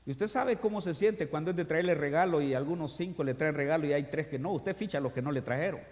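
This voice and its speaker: Reading scripture and turning to address his congregation, a pastor leads an evening sermon at a quick pace, his high, ringing voice shifting from rousing, loud declarations to quiet, intimate asides. Everything he says lingers in the big hall's long reverb.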